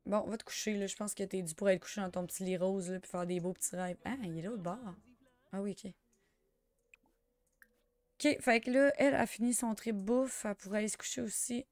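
A young woman with a Quebec French accent chatting through a life-sim game, excitable and sprinkling in English slang. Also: mid-range voice, fairly quick, no echo. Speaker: gamer. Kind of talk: let's play commentary.

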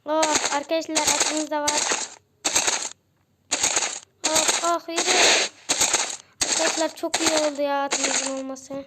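A woman's voice: high-pitched, flat delivery, measured pace, pauses often. A young girl narrating her gameplay casually for a video channel, constantly addressing her viewers as friends. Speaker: gaming channel host. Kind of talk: casual game commentary. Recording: loud background noise.

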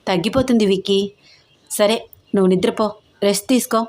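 A woman voicing an affectionate young wife in an audio story, speaking softly and teasingly. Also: mid-range voice, brisk, close to an everyday voice. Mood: gentle. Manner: soft, teasing.

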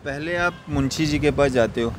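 A male reporter puts brisk, probing questions to a witness outdoors. His voice sits fairly high. Passing traffic is clearly heard around him. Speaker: news reporter. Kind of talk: probing field interview. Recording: street traffic noise behind.

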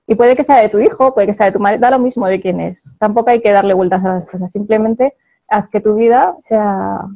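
A woman's voice: mid-range voice, fairly quick, muffled recording. A woman with a Spain Spanish accent giving a chatty motivational talk to an audience, laughing often and checking in with her listeners.

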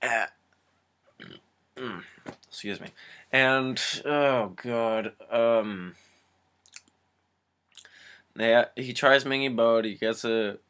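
Bright-voiced, sarcastic young male reviewer. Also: medium pitch, very slow, pauses often, smooth. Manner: rambling and sarcastic, with frequent restarts. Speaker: film reviewer. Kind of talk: casual film review.

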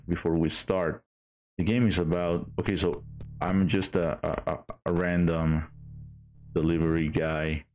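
A man's voice: low voice, darkish tone. A man streaming a game in casual chat, hesitant with many fillers and restarts.

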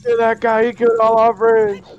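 A man's voice: very high voice, completely flat delivery, normal speed, dull audio. A man trading dry, teasing jokes with a friend during a video game session. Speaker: co-commentator. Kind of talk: casual let's-play banter.

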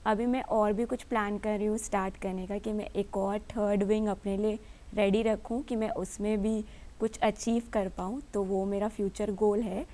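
A woman's voice: medium pitch, little pitch movement, moderate pace, warm tone. A woman answering interview questions as an actress and entrepreneur, earnest and matter-of-fact.

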